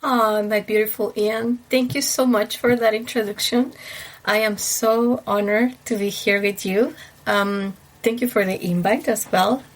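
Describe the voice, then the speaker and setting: A woman's voice: mid-range voice, steady tone, a little slow. Ecuadorian-accented woman, chatty and stuffy. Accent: Ecuadorian Spanish. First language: Spanish. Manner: warm, chatty, laughs often, many fillers. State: slightly stuffy from allergies. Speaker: guest, wedding planner. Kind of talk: casual podcast interview.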